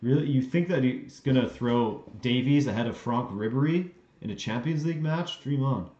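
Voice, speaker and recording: A man from western Canada hosts a live watchalong, reacting to the play and answering chat questions in a relaxed, offhand way. His voice sits at an ordinary middle pitch. The sound is roomy and somewhat dull, like a lo-fi streaming setup. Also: normal speed. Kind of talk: casual live watchalong commentary.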